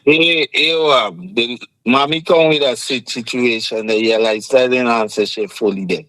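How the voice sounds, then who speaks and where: Co-hosting a casual chat, a man with a Guyanese Creole accent earnestly explains his points with examples, often saying "you understand". His mid-range voice is bright and forceful at normal speed, in a dry, low-quality recording.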